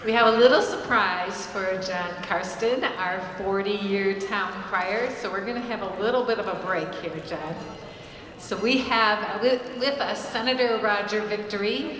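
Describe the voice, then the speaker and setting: A woman presenting at a public ceremony in an informal announcing style. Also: fairly high pitch. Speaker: event presenter. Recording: echoey reverberant space, crowd behind.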